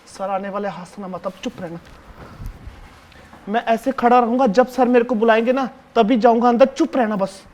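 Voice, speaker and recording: A man playing a cheeky high-voiced schoolboy. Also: fairly even intonation, fairly quick, hardly any pauses. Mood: bossy, tattling. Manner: bossy, chatty, keeps hushing and ordering classmates; fawning toward the teacher, repeats "sir" constantly. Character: cheeky seventh-grade schoolboy, talkative tattletale. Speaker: stage actor in a one-man play. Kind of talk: live solo stage acting, addressing the audience.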